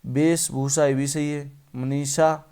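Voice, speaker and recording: A man's voice: on the high side, little pitch movement, slow, warm tone, smooth. A male teacher running an exam-prep spelling lesson, repeating each word and quizzing the viewer.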